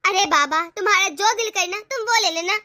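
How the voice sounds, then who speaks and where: A woman voicing a gentle young sister-in-law who talks in a soothing, indulgent way, in a homemade family drama. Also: very high voice, brisk, no room sound, studio quality.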